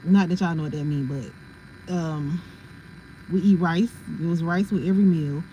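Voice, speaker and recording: A woman's voice: lowish voice, moderate pace, dark tone, muffled recording, a little hiss or hum. A woman hosting a casual livestream, chatting and laughing as she answers viewers' comments. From family from South Carolina. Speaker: livestream host.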